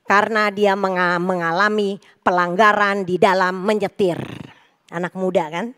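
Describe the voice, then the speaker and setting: A middle-aged woman preaching a sermon at a church service, telling stories in a lively, joking way and talking directly to the congregation. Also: medium pitch, normal speed.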